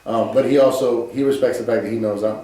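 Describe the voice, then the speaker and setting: A man who works as an airbrush artist for custom cars, calmly explaining his trade as an interview guest. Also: mid-range voice, fast talker. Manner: calm, explains plainly, small restarts. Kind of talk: casual interview chat. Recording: echoey room, far from the mic.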